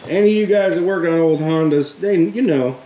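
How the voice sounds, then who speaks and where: A man who sounds under the weather, giving a casual, halting how-to vlog talk in a low-key, plain-spoken way. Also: mellow, a little hiss or hum, rough recording. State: under the weather, sick with a cold. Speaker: host of a DIY motorcycle repair channel.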